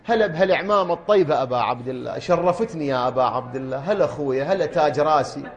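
A man with an Iraqi accent voicing a grieving noble woman who welcomes her brother softly and tenderly, in an echoey room. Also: fairly high pitch, rapid-fire, dull audio, natural voice. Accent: Iraqi Arabic.

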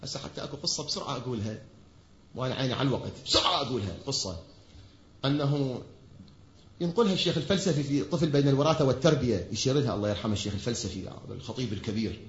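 A man's voice: on the high side, slight background noise. A man with an Iraqi Arabic accent preaching from a pulpit. He speaks emphatically, asking his listeners rhetorical questions and answering them himself. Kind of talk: pulpit sermon. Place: pulpit in a large hall. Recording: echoey hall, dull lo-fi sound.

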